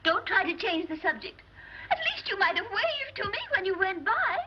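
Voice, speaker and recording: High-pitched scolding wife, screwball banter. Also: female voice, big pitch swings, normal speed. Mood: indignant. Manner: scolding, plaintive, theatrical. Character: indignant, nagging middle-aged wife of a banker. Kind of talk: old Hollywood screwball comedy banter. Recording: dull, noisy old film soundtrack.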